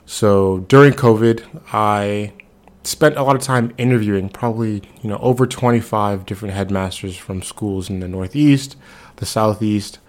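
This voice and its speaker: Podcast host, twenties, from the Bahamas, lowish voice, easygoing and chatty. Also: male voice, normal speed. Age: 20s. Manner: relaxed, conversational, with frequent fillers. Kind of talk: solo podcast introduction.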